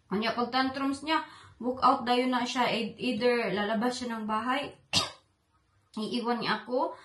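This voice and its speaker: A woman's voice: a little high, fairly bright tone, reverberant. A young woman talks through a painful situation in an emotional, rambling confessional vlog. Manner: tearful, upset, rambling, mixes in English. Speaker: vlogger.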